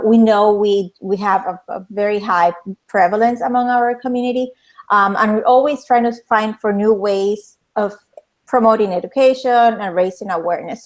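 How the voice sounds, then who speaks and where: A Puerto Rican woman with a mid-range voice and a Puerto Rican Spanish accent hosts a lively talk show interview. Her speech is full of fillers and restarts.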